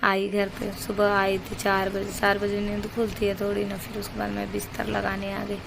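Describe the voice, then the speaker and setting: Young woman home vlogger, roughened voice, rambling chatty delivery, fairly level pitch, faint background hiss. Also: completely flat delivery, normal speed. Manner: rambling, chatty storytelling of chores. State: voice worn rough. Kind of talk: casual daily-life vlog narration.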